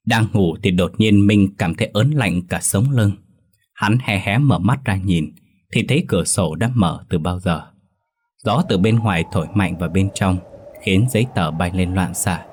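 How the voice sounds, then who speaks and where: Guy reading a ghost story, deep voice, kinda husky, steady pace. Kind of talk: scripted horror story narration.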